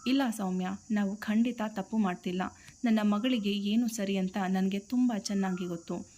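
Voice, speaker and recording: A woman voicing a firm, reassuring middle-aged father in a storybook reading, steady and assured. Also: mid-range voice, moderate pace, natural voice.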